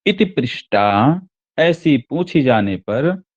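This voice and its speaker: A man's voice: medium pitch, very animated, takes it slowly, breathy edge, lo-fi sound. A man teaching a Sanskrit text: he reads each line, then explains it word by word, repeating and correcting himself as he goes.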